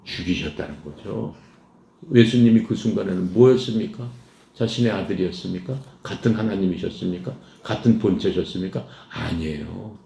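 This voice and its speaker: A man's voice: low-pitched, moderate pace, gravelly, warm tone. A man preaching a sermon who keeps asking the congregation questions and answering them himself. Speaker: pastor. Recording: echoey room with faint noise.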